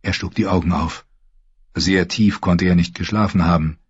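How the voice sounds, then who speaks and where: A man narrating a story in a calm, measured storytelling manner. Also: low voice, slightly rough, dry recording. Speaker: audiobook narrator. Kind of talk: scripted narration. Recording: dull lo-fi recording.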